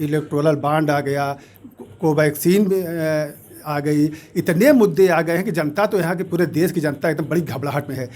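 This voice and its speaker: Man listing campaign points in halting bursts. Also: fairly high pitch, a little mellow. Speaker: party representative. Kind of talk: street interview statement.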